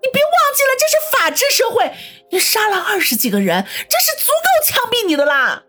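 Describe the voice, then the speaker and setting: A man doing a fiery, sharp-tongued young woman. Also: very high-pitched, huge pitch swings, soft background music, pitched above the performer's own voice, full character voice. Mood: angry scolding. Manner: scolding, rapid outbursts. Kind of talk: audiobook character voice.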